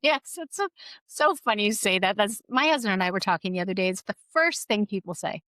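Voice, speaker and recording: A woman's voice: mid-range voice, expressive, brisk, a bit bright, dry recording. A woman hosting a podcast, introducing her guest and asking questions with many small fillers. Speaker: podcast host. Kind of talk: interviewing a guest.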